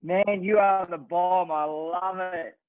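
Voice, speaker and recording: A gently, softly spoken man with an Australian accent, calling in with a question. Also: high voice, fairly even intonation, takes it slowly, dry recording. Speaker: caller. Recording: tinny phone line.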